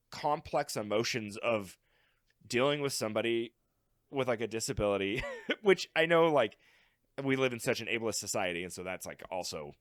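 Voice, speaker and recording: A man co-hosting a film podcast, talking in a rambling, animated way with lots of fillers and laughs. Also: mid-range voice, no echo, studio quality. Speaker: podcast co-host. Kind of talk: casual film discussion.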